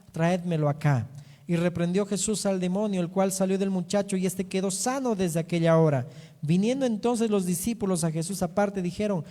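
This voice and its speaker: A man's voice: high-pitched, mellow. A man preaching a sermon as pastor, explaining scripture and asking rhetorical questions. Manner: teaching, reading and explaining scripture; asks rhetorical questions, often ending with "¿no?". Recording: reverberant hall sound.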